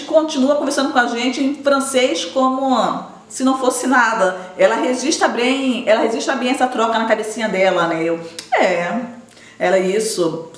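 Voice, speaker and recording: A middle-aged woman with a Brazilian Portuguese accent talks straight to her viewers in a loose, chatty way, often breaking off and restarting. Her voice sits fairly high, and the recording carries a noticeable roomy echo. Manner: chatty, addresses viewers directly, frequent restarts. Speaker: vlogger and educator. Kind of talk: casual chat to viewers.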